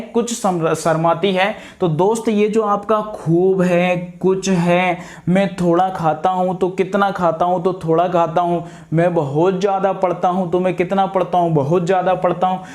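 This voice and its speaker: Man, high-pitched, grammar teacher, exam-prep lesson, repeats and stretches key terms, calls viewers friends. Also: a little mellow. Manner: asks questions and answers them himself, stretching key terms slowly; addresses viewers as friends over and over.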